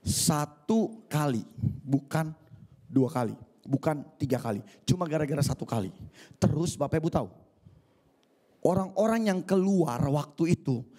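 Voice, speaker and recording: A male pastor preaching a sermon for an online church service, lively and acting out scenes, with English phrases mixed in. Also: fairly high pitch. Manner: animated, acts out scenes, mixes in English phrases.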